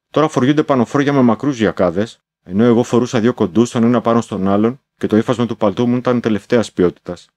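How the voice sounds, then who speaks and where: A man with a fairly low voice reads a first-person diary aloud. His delivery is confiding and musing, with sudden exclamatory asides. The recording is dry, with no echo. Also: a little mellow. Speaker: audiobook narrator.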